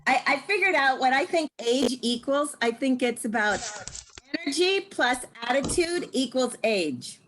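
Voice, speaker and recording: A woman in her sixties giving a casual, lively testimonial, laughing often. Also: high voice, a little slow, a little hiss or hum, rough recording. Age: 60s. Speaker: guest speaker.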